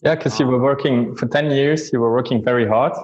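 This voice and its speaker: A man's voice: mid-range voice, steady tone, fairly quick, darkish tone. A man hosting a podcast, asking questions hesitantly and repeating words as he frames them. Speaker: podcast host. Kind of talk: interview questions. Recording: dull, lo-fi line.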